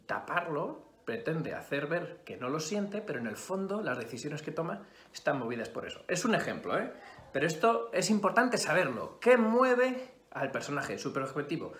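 Male theatre teacher, Spain accent, animated lecturer who drops to near-whispers for effect; roomy recording. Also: a little high. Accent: Spain Spanish. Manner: expressive, swings between loud emphasis and hushed asides. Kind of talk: acting class lecture. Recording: roomy echo.

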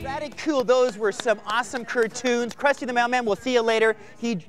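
Middle-aged man, American accent, very high voice, hyped children's show host, surfer slang, drawing instructor, music behind. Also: fairly quick. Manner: excitable surfer-dude patter full of slang. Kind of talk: hyped kids' TV presenting, step-by-step drawing instruction. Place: TV studio set with children as audience.

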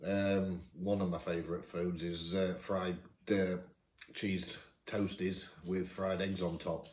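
Reading viewer questions aloud, a 51-year-old Lincolnshire YouTuber answers each in casual, chatty style and laughs at himself. His low voice has little pitch movement and he takes it slowly. He sits at his home dining table, with a camera across the table recording him in an echoey room.

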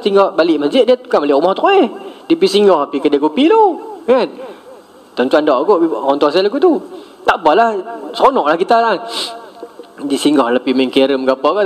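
Animated man giving a sermon. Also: a little high. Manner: animated storytelling, addresses audience as tuan-tuan. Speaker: religious lecturer. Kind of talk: mosque lecture.

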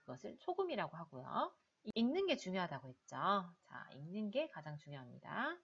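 A woman's voice: on the low side, huge pitch swings, brisk, creaky, husky. A woman teaching a language lesson, patiently drilling syllables one by one with repeated examples. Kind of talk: slow, repetitive pronunciation drill. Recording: dull, lo-fi audio.

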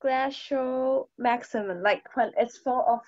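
Hesitant teen girl, slow muffled video call. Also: on the high side, a little mellow, no echo. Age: teens. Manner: hesitant, searching for words, many "like"s. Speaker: high school student. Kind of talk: class discussion in English. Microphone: computer mic on a video call.

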